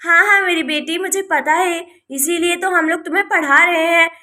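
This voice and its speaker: A woman voicing a caring village mother in a doll storybook, talking softly and reassuringly. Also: very high-pitched, fairly even intonation, moderate pace. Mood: tender. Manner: soft, reassuring, sighing.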